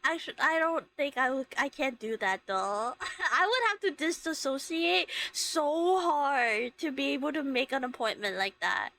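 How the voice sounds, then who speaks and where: A woman hosting a livestream, chatting casually with viewers in a giggly, expressive, rambling way. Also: high-pitched, a little slow, hardly any pauses. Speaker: livestream host, VTuber streamer. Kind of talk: casual chat with live viewers.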